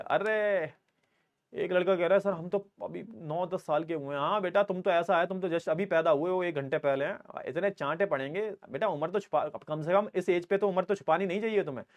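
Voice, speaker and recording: A man's voice: high-pitched, highs cut off. A man in his twenties teaching an online class in a chatty, teasing way, reading student comments aloud and joking with them. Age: 20s. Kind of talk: live online class lecture.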